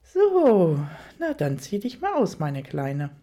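A woman's voice: lowish voice, wildly swooping pitch, takes it slowly, mellow, full character voice. A woman reading an audiobook, voicing a stern and teasing adult male lover in a commanding, playful tone.

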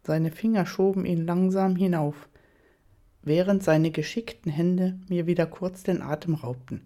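Woman reading an erotic story, mellow tone. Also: on the low side, steady tone, unhurried. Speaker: audiobook narrator.

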